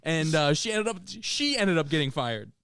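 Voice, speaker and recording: A man's voice: fairly high pitch, moderate pace, clean tone, dry recording. A man co-hosting a podcast, telling stories in casual chat and swearing often. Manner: animated storyteller who swears often. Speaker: podcast co-host.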